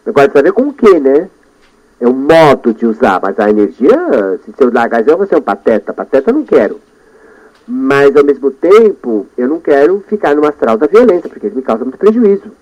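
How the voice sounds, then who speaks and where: A Brazilian man hosting a radio show, talking in a lively monologue and coaching himself aloud, going from loud bursts to soft murmurs. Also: medium pitch, fairly quick. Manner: animated, talks to himself, shifts between loud and soft. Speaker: radio host. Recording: dull lo-fi radio broadcast.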